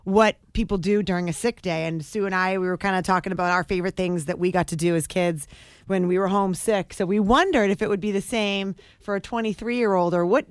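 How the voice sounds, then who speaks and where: A woman's voice: medium pitch, clear, resonant tone, no room sound, studio quality. A woman radio host chatting casually and laughing easily with a sick co-worker. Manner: warm, chatty and quick to laugh. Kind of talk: casual chat.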